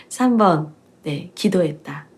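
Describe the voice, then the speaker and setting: Breathy woman pastor, chatty Bible talk. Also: lowish voice. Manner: chatty, playful, with laughs and quiz-like questions. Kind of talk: casual Bible teaching talk.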